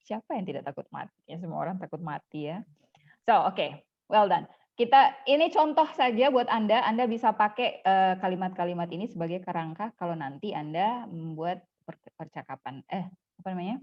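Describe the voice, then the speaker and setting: A woman teaching an online English lesson, animated and jokey, switching between languages. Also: fairly low pitch, muffled recording. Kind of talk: online class lesson mixing Indonesian and English.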